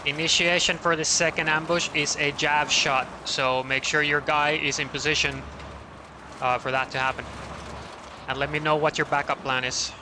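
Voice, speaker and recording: A man's voice: on the high side, level tone, normal speed, noisy background. A man giving clipped, businesslike radio callouts as a squad leader in a military game.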